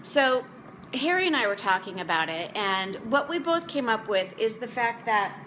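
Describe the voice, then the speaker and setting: Very animated and a bit bright, a slightly high-pitched woman in her forties talks to camera at normal speed as a motivational vlog host and food prep coach. Her chat rambles casually, and the rough recording carries a little hiss or hum.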